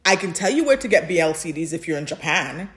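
A woman co-hosts a casual podcast chat in a low-pitched, animated, fast voice. She speaks emphatically and repeats phrases to drive her points home.

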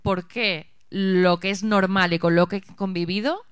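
A woman co-hosting a chat podcast, recounting stories with animation. Her voice is remarkably clean and smooth, mid-pitched, recorded dry and close. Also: measured pace, dry recording. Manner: animated storytelling. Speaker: podcast co-host. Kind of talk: casual chat.

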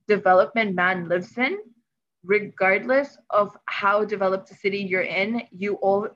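A woman's voice: mid-range voice, a bit bright, dull audio. A woman in her twenties chatting casually and expressively as a podcast co-host. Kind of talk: casual chat.

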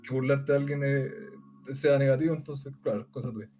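Chilean man, Chilean Spanish accent, casual debate, rambling delivery, soft music bed. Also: mid-range voice, fairly even intonation, normal speed, muffled recording. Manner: rambling, many fillers and restarts.

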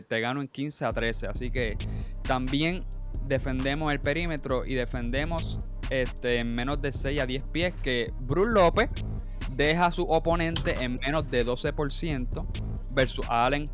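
A man with a Caribbean Spanish accent arguing a basketball debate as a panelist, reeling off statistics and mixing in English terms. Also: medium pitch. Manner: stat-heavy, with English terms mixed in. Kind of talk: argumentative sports debate with statistics.

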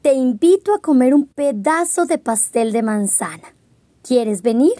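A man reading a storybook aloud, voicing a kind, motherly female bear who speaks gently. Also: extremely high pitch, lively intonation, unhurried, no echo, pitched above the performer's own voice. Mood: inviting. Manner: gentle, warm, playful.

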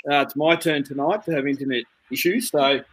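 High-voiced chatty podcast host man. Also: fairly bright tone, poor audio. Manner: chatty, halting, laughs easily. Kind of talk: casual podcast chat.

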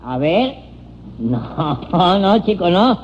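A man's voice: high-pitched, big pitch swings, very slow, a little hiss or hum, exaggerated voice. An actor playing a deaf man who mishears everything in a radio comedy. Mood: confused. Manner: confused, mishears, laughs. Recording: dull old radio recording.

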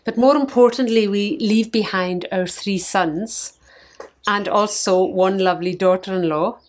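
A middle-aged woman from Scotland, a mission leader, reading a gentle, reflective devotional message. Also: medium pitch, unhurried.

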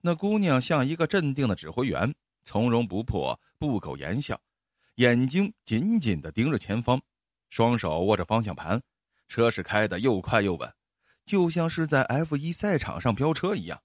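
A male storyteller reads a tale with expressive delivery, his pitch rising and falling a lot. His voice sits in a middle register. The recording is dry and close. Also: moderate pace, no echo. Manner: expressive, animated reading. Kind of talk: storytelling narration.

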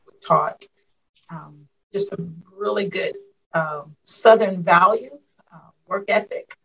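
A school superintendent from Arkansas, a woman in her fifties, reflects on her life in a casual interview over a call. Her medium-pitched voice is slow, slightly rough and full of vocal fry, and she tells her story warmly with lots of fillers. The highs of the recording are cut off.

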